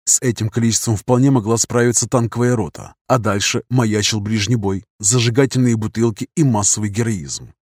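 A man's voice: fairly low pitch, fairly even intonation, fairly quick, hardly any pauses, a little mellow, slightly rough, dry recording. Man narrating a war novel. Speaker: audiobook reader. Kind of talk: scripted narration.

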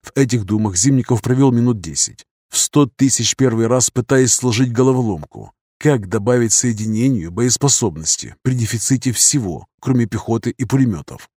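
A man reading a military novel aloud as scripted narration, in an even, steady manner. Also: medium pitch, normal speed, hardly any pauses, slightly rough, no room sound, clean studio sound. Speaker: audiobook reader.

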